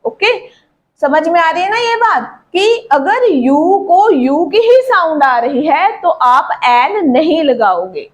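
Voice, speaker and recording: A woman giving an English grammar lesson. Her voice sits high and she speaks in a slow, deliberate way. She repeats each point and keeps asking her students questions as she explains. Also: sing-song. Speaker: English teacher.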